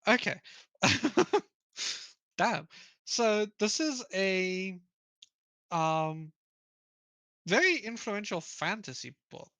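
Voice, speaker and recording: Rambling co-host on a dry stream mic. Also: male voice, high voice, expressive, extremely slow, pauses often, pushed and bright, no room sound. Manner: rambling, laughs at own slips, many fillers. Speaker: book club co-host. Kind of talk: casual live-stream chat.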